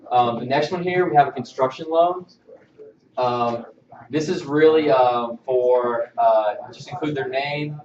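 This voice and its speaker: A mortgage loan officer gives staff an informal, halting presentation on templates in an indoor training room with a projection screen. His voice is medium-pitched and a little mellow. A far camera mic records him, so the sound is distant, roomy, and slightly dull.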